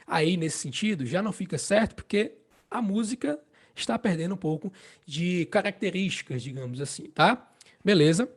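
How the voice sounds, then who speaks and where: Man, Brazilian Portuguese accent, harmonica teacher, husky tone, repeats and checks in. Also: high voice. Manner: explains slowly, repeats phrases, checks with "né?" and "entende?". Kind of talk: casual spoken lesson.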